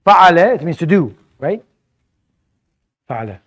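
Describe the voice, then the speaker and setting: A man's voice: fairly high pitch, lively intonation, moderate pace, fairly bright tone. A male teacher giving a classroom lecture, patiently explaining vocabulary and often repeating words while he searches for his phrasing. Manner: mixes English explanation with Arabic vocabulary. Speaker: Arabic teacher.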